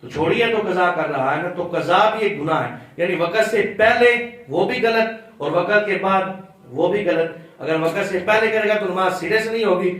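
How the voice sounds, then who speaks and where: Male religious teacher, higher voice, distant and boomy room sound, quizzes the class. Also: a bit bright. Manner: explanatory, quizzes the class, chants drawn-out demonstrations. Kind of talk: classroom instruction on prayer. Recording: very echoey room, distant mic.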